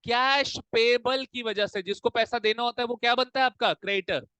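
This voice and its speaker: A man's voice: very high voice, normal speed, pushed and bright, clean tone, no echo. A male accounts teacher, mixing Hindi and English while he drills a class with repeated questions. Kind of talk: classroom lesson.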